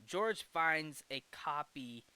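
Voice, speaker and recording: A man's voice: fairly high pitch, lively intonation, takes it slowly, pushed and bright, clean tone. A man giving a casual, enthusiastic recap of a film, laughing easily between restarts. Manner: enthusiastic, giggly, with frequent restarts. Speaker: film review vlogger.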